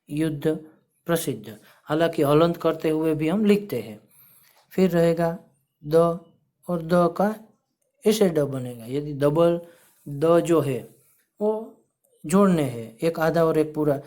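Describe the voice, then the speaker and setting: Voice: medium pitch, darkish tone. A teacher explaining a school grammar lesson, asking the class questions, answering them, and repeating each example word. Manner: repeats example words slowly, syllable by syllable; checks in with frequent "theek hai".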